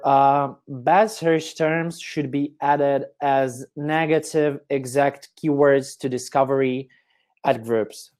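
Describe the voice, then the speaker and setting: A man presenting an online webinar, explaining step by step with many fillers, his voice getting hoarse. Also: a little high, a little mellow. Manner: explanatory, step-by-step, with frequent fillers and throat clearing.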